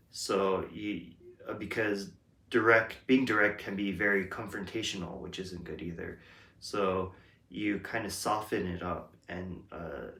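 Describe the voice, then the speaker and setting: A native English-speaking man hosts a reflective, casual monologue, talking hesitantly with many ums and restarts. His voice is lowish, bright, and forceful, recorded with a roomy echo.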